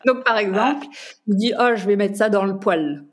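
A woman from France, a podcast guest and entrepreneur, chatting casually with many pauses and fillers, laughing now and then. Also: medium pitch, fairly even intonation. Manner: hesitant, many fillers and restarts, laughs often. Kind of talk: casual chat.

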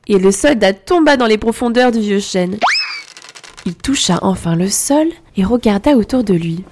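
A woman telling a fairy tale in calm, expressive scripted narration. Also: medium pitch, normal speed, noisy background. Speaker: storyteller.

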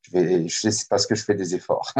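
A man's voice: low-pitched, normal speed, darkish tone, husky. A middle-aged man from France with a French accent lightly tinged by Quebec, a kayak coach speaking hesitantly with many fillers in a remote interview. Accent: French with a slight Quebec tinge. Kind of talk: remote interview, casual conversation. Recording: muffled video call audio.

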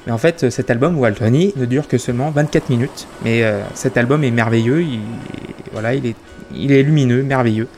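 A man's voice: mid-range voice, brisk, a little mellow. A man hosting a casual music chronicle, talking with frequent fillers and restarts. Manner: hesitant, many fillers and restarts. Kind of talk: casual spoken music review. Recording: music playing behind the voice.

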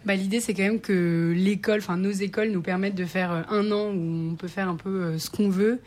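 A woman's voice: mid-range voice, fairly even intonation, fairly quick, darkish tone. A woman in her twenties, a business student guest on radio, explaining eagerly with many fillers. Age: 20s. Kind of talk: radio interview.

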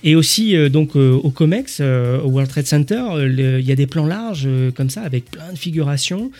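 Podcast co-host, male, mellow dark tone, explanatory with hesitations. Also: a little high, lively intonation, normal speed. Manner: informative, hesitant with fillers. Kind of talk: film discussion.

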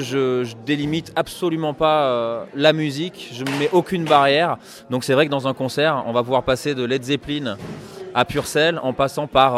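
A man, a bandleader and accordionist, talks through an interview at an easy, unhurried pace. His speech is chatty and hesitant, full of small pauses as he searches for the next thought. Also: mid-range voice. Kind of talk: casual interview answers.

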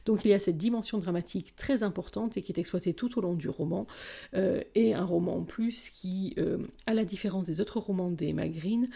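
A woman's voice: medium pitch, creaky, warm tone, husky. A woman hosting a book podcast, speaking frankly and confidingly to listeners before she reads an excerpt aloud. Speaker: podcast host. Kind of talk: book review and read-aloud.

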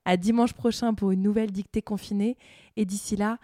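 A woman presenter reading a scripted closing announcement to listeners in a clear, even way. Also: mid-range voice, brisk, no room sound, studio quality.

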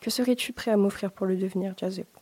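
A young woman reading the lines of a menacing stranger who is a talking chestnut tree, in a low, measured way. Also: steady tone, a little mellow, slightly rough, lightly acted.

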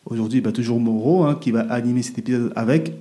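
A man hosting a podcast, speaking in a soft, relaxed and encouraging way. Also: medium pitch, fast. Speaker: podcast host. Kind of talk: casual podcast interview.

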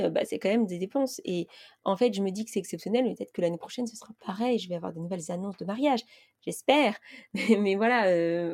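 Chatty young woman, mellow voice. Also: medium pitch. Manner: chatty, conversational, many fillers. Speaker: podcast host. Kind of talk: casual solo podcast chat. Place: at home. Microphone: raised mic, holding a baby.

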